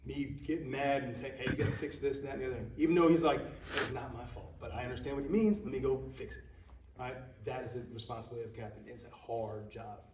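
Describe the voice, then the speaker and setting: Coach telling stories in an echoey hall. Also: male voice, mid-range voice, fairly even intonation, quick pace, background noise. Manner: storytelling, acts out quotes. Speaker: high school soccer coach. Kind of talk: banquet award speech. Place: banquet hall. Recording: echoey hall, speaker far from mic.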